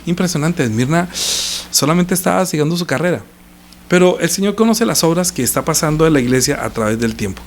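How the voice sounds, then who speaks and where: A man delivers a sermon, with a fairly high voice that swings widely in pitch. He talks like a conversation, turning often to quiz his listeners. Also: lively intonation, a little fast, slight background noise. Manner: conversational preaching with sudden pitch leaps, questions to listeners. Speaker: pastor.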